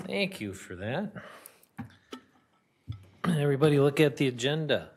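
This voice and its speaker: A man's voice: on the high side, sing-song, measured pace, slight background noise. A man from Minnesota chairing a parks commission meeting in a council chamber, plain and procedural with slight halts.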